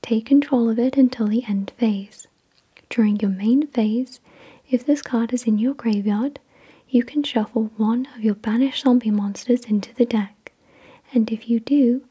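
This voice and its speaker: Slow, deliberate and soothing, a woman hosting an ASMR video whispers her way through a card reading. The whisper is very breathy and unvoiced, soft and dark in tone, pitched fairly high for a woman.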